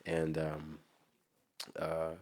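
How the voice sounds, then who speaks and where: Low, even-voiced New Jersey man. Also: very slow. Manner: slangy, rambling. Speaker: musician being interviewed. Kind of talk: casual interview chat.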